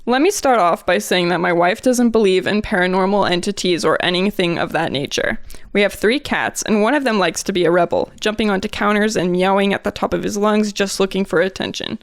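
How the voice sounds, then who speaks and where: Gravelly young woman reading a story. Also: medium pitch, fairly quick, dry recording. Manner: giggly, chatty. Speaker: podcast co-host. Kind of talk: casual chat and reading stories aloud.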